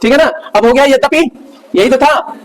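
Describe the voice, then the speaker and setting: High-voiced male teacher quizzing his class. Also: moderate pace, rough recording. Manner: keeps asking the class checking questions. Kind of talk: classroom grammar lesson.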